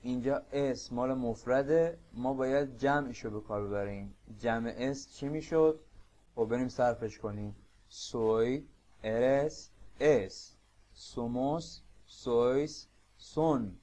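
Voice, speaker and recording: A man's voice: medium pitch, mellow. Man patiently teaching a lesson. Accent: Persian. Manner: explains patiently, repeating phrases slowly. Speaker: Spanish teacher. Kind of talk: explaining a language lesson.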